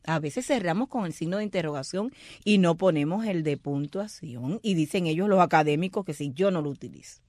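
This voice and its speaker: A woman co-hosting a casual talk show, explaining punctuation in a lively way and acting out example phrases. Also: lowish voice, brisk, no echo, studio quality. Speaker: co-host explaining Spanish grammar. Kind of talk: casual radio chat.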